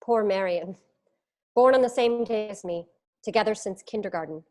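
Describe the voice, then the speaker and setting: An actress playing a quiet, polite, wistful schoolteacher in a period drama screenplay reading. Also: female voice, medium pitch, normal speed, lightly acted.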